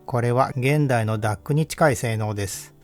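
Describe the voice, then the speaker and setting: A man giving calm, measured, scripted narration that explains equipment test results step by step. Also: medium pitch, soft background music. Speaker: audio equipment reviewer. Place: voice-over.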